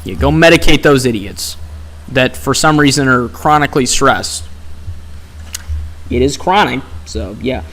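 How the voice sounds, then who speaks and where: A man's voice: medium pitch, expressive, unhurried, pauses often, fairly bright tone. A young man live-streaming a game, chatting casually and sarcastically while reading chat aloud. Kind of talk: casual gameplay commentary. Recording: faint background music.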